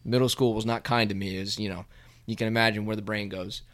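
A podcast co-host chats casually about motocross, laughing easily and poking fun at himself. His voice is lowish and a bit bright, with a steady tone, and he talks fast.

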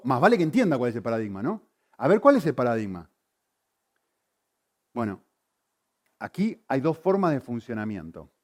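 A man preaching a sermon, swinging between loud emphasis and quiet, intense asides. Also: mid-range voice. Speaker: pastor.

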